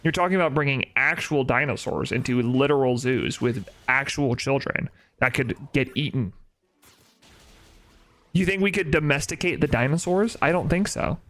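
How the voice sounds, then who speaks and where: A man's voice: medium pitch, moderate pace, a bit bright. A young man, chatting casually on a live stream, opinionated and answering his chat with rhetorical questions. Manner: opinionated, talks back to chat with rhetorical "right?".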